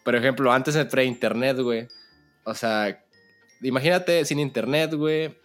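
A man's voice: medium pitch, a little slow, fairly bright tone. Man, Mexican accent, podcast host, casual chat, slangy, cursing, music faint behind. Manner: slangy, swears a lot, says güey constantly. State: just woke up.

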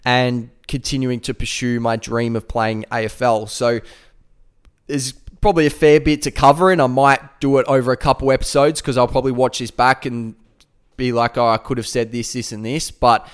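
Smooth, even-toned young Australian man. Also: medium pitch, moderate pace. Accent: South Australian. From Adelaide, Australia. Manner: easygoing, rambling with fillers. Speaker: podcast host. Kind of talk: casual solo podcast talk.

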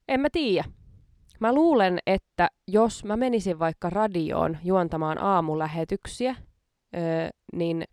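A woman's voice: lowish voice, darkish tone, clean tone, dry recording, clean studio sound. A woman hosting a podcast in casual chat, self-mocking and laughing often between her words. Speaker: podcast host.

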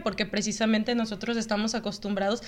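A woman from Mexico, a radio presenter chatting as a guest in a measured, reflective way. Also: medium pitch, little pitch movement. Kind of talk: casual chat.

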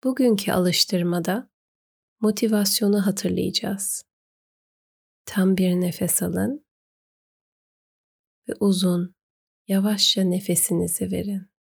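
Woman doing guided meditation, gentle and unhurried, pretty flat steady tone, leaves pauses. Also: medium pitch, gravelly, slightly rough.

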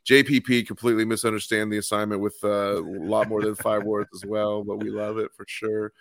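A man's voice: on the low side, little pitch movement, brisk. A man co-hosting a casual sports podcast, chatty and enthusiastic as he reads out fan replies. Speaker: podcast co-host. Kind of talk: casual chat.

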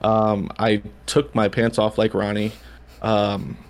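A man's voice: lowish voice, flat delivery, slow pace. A man, chatting casually as a podcast guest, rambling with lots of fillers and restarts. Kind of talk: casual chat.

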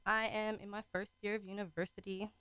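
A woman in her twenties, raised in Trinidad and the British Virgin Islands, chats casually as a guest on a radio show, giggling and acting out her own remarks. Her medium-pitched voice is bright and forceful, smooth and a little fast, with a flat delivery. The recording has no echo.

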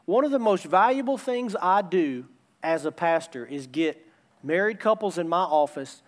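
A pastor, a middle-aged man, delivers a sermon in an earnest, plain-spoken way. His voice sits high for a man. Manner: earnest, plain-spoken counsel with quick asides.

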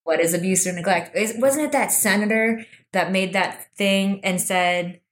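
A woman co-hosting a podcast in casual chat, blunt and quick to swear, laughing often as she talks. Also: mid-range voice, slight background noise. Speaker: podcast co-host.

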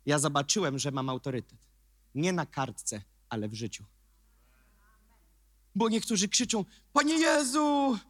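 A Polish man preaching a sermon in an emphatic, sarcastic way that builds to shouts. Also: mid-range voice, sing-song, unhurried, long pauses, no room sound, clean studio sound.

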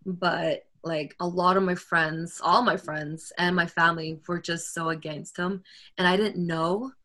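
A young woman co-hosting a podcast, telling a personal story in a hesitant, halting way. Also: on the low side, fairly even intonation, sharp tone. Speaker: podcast co-host. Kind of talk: casual chat.

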